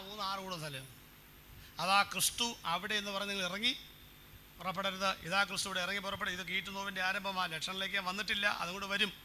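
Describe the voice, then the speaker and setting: Animated bright-voiced man preaching. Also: sits high, a little hiss or hum. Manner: animated, asks the congregation many questions. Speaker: pastor. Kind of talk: sermon. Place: church.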